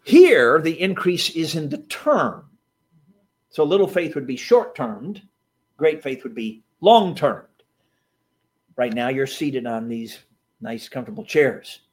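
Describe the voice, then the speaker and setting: A man preaching a sermon to a seated audience, animated, laughing often and swinging from quiet asides to shouted lines. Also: mid-range voice, takes it slowly. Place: church or meeting hall with seated audience.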